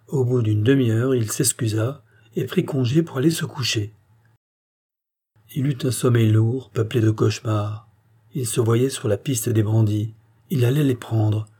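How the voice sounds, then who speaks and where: Brief: male audiobook narrator, steady scripted narration of a detective novel, warm, breathy edge. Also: mid-range voice.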